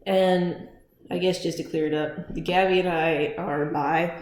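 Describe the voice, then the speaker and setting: A young woman hosts a loose, chatty podcast, laughing easily and trailing off mid-sentence. Her voice sits fairly low for a woman. The room throws back a strong echo, with a faint hiss underneath. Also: steady tone, a little slow, a little mellow. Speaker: podcast host. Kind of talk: casual chat. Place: echoey room. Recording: roomy echo, faint noise.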